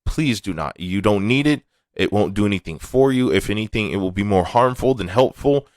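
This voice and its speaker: A man's voice: fairly low pitch, animated, brisk, no echo. A man hosting a podcast, talking alone in a candid, laid-back way and swearing casually. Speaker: podcast host. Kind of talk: casual monologue.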